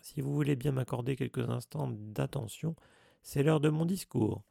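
A stiff, bitter ghost host clears the floor for a pompous, formal speech, as a man voices him. The voice is raised and gravelly, with a dark tone. The recording is dry. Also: a little high, normal speed, no echo, pitched above the performer's own voice.

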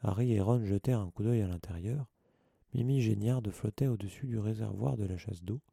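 A man reads a storybook aloud in a steady, measured way. His voice is very dark and gravelly, with a husky grain. The recording is close and dry. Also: lowish voice, no room sound. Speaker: audiobook narrator. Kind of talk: scripted narration.

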